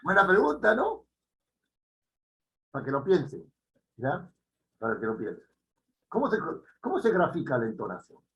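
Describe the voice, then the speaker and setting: A man giving a classroom lecture, repeating key phrases and checking in with the students with quick tag questions. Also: a little high, huge pitch swings, a bit bright, rough recording. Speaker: teacher.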